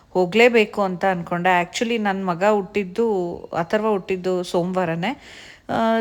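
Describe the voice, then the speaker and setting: A young adult woman and mother narrating a casual family vlog in a chatty way, dropping English words into her talk. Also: medium pitch.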